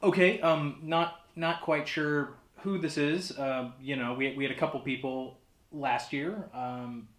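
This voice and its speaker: A man's voice: on the high side, steady tone, a little slow, a bit bright. A man presenting as a casual horror host, with a hesitant, rambling, awkwardly comic delivery. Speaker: horror host of a holiday movie show. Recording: roomy, echoey sound.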